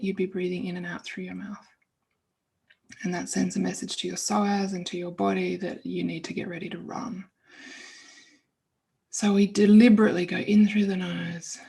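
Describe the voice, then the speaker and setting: Leading an informal, soothing meditation, a woman speaks unhurriedly in a husky, breathy, lowish voice with a dark tone and plenty of creak at the edges. Her phrases often fade to a near-whisper.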